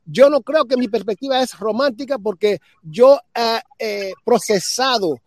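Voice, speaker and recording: A man from New York, a guest in a casual discussion, speaking calmly and agreeably. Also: very high-pitched, creaky, no echo, studio quality. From New York, United States. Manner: calm, measured, agreeable.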